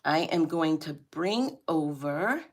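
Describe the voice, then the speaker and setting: A woman chatting excitedly in a home sewing vlog, calling her viewers y'all and guys. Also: sits low, normal speed. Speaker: sewing vlogger.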